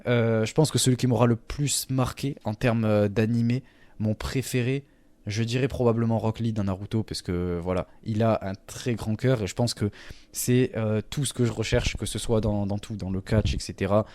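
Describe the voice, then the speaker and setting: A man's voice: on the low side, steady tone, normal speed, a little mellow, no room sound. A man co-hosting a casual podcast, talking with frequent hesitations and fillers. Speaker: podcast co-host.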